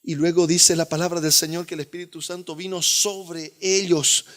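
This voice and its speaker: Fervent high-voiced male preacher. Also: flat delivery, normal speed. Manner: fervent preaching, swinging between loud exclamations and hushed asides; addresses listeners as beloved brother. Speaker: pastor. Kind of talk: sermon.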